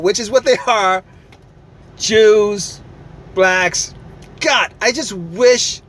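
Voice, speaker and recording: A man with a high voice delivers a rambling, emphatic vlog rant straight to his viewers. He circles back over the same phrases again and again and punctuates nearly every point with a quick "all right?". A faint hum of passing vehicles sits underneath. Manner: repetitive, emphatic, keeps asking "all right?" and "okay?". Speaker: vlogger. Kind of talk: casual opinion rant to camera.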